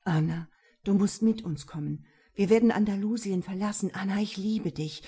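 A woman's voice: medium pitch, moderate pace, warm tone, slightly rough. A woman reading the lines of an earnest young man in love in an audiobook.

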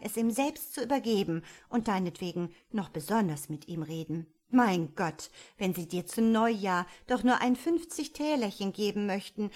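Brief: fretful old mother, scolding and lamenting, high and loud, as a woman reader puts her on. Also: lightly acted.

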